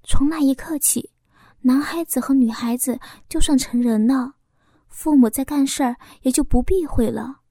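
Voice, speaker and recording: A shy young village wife, as the woman reading the story puts her on speaks in a hushed, confiding voice. Her voice sits high and mellow. The sound is dry and close. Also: normal speed, no room sound. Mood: hushed explaining.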